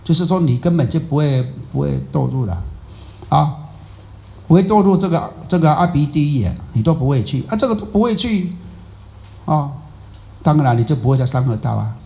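A man teaching from a Buddhist sutra in an unhurried, talky way, circling back over his points with filler sounds and questions to the listeners. His voice is dark and mellow, and his pitch rises and falls in lively swings. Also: gravelly. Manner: loose, repetitive explaining full of filler particles and rhetorical questions. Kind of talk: conversational sutra lecture.

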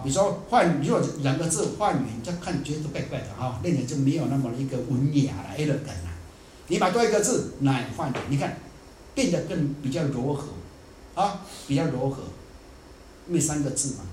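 A man giving a dharma talk, animated and acting out the people he quotes. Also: a little high, reverberant, a little hiss or hum. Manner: animated, acts out quotes in dialect. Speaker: Buddhist teacher.

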